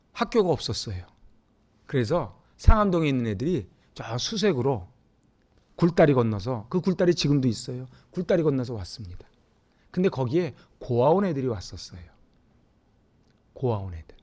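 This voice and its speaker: A middle-aged Korean man from Seoul preaching a Sunday sermon as pastor, talking with the congregation and swinging between loud emphatic peaks and hushed, near-whispered asides. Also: on the high side. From Seoul, South Korea. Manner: conversational, asks the congregation questions.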